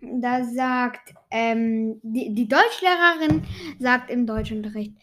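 High-voiced woman telling jokes casually. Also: slow pace, fairly bright tone, a little hiss or hum. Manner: hesitant, with frequent fillers while recalling jokes.

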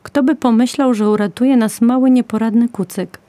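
A woman voicing a sorrowful man standing over an injured pony, speaking in a hushed way. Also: on the high side, fairly even intonation, moderate pace, dry recording, close to an everyday voice. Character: sad man tending a hurt pony.

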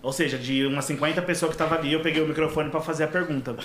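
Paulista guy spinning a funny story, slightly high voice, roomy room with faint hiss. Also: racing. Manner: animated storyteller, acts out quotes, laughs often. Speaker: guest telling a story. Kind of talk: casual podcast chat.

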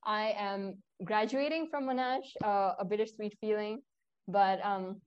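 A woman's voice: medium pitch, steady tone, measured pace, clear, resonant tone, lo-fi sound. Chatty young woman host. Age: young adult. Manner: chatty, addresses listeners directly, self-correcting. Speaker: podcast host. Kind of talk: casual podcast chat.

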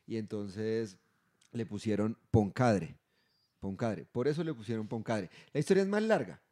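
Colombian male co-host, mellow tone, lively anecdote teller who cracks himself up. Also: fairly low pitch, normal speed. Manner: animated storyteller, laughs at his own tales. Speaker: podcast co-host. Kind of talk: casual chat.

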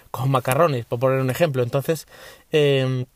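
With a little hiss or hum in the audio, a man from Spain records a laid-back podcast chat in his parked car. His mid-range voice keeps a measured pace and fairly even intonation as he rambles, restarting often and swearing mildly.

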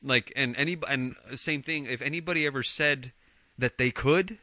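A man's voice: medium pitch, moderate pace, bright, forceful tone, dry recording. A man co-hosting a podcast, talking casually and rambling with restarts and swearing. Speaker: podcast co-host. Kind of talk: casual chat.

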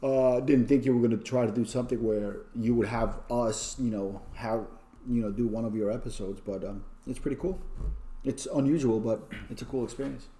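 A man's voice: medium pitch, fairly even intonation, a little fast, mellow, reverberant. A man chatting as a podcast guest, agreeable and easygoing. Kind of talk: casual chat.

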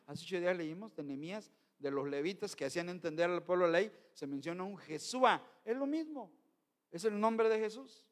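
A middle-aged man, preaching a Sunday sermon as pastor, emphatic and often calling out to his brothers in the congregation. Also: sits high.

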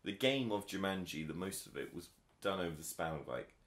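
Male podcast co-host with a low, animated voice; teasing, argumentative, quick to laugh. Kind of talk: casual film podcast chat.

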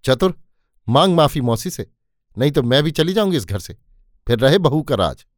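A man voicing a quick-tempered, bitter middle-aged mother in a spoken story, scolding her son and his wife. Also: medium pitch, lively intonation, no room sound, studio quality, natural voice. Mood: angry.

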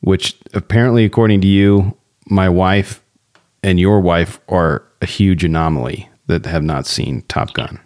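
Young guy on a podcast, fairly low voice, reads listener reviews out loud and keeps chuckling, easygoing. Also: measured pace. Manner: laughs often while reading reviews aloud. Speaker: podcast co-host. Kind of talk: casual chat reading listener reviews.

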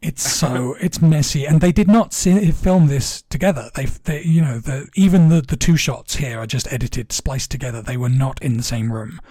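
A man's voice: mid-range voice, moderate pace, few pauses, dark tone, no room sound. Man, casual podcast co-host, chatty, frequent laughs, fillers, dry studio sound. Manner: chatty, laughs often, many fillers and restarts. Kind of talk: casual film review chat.

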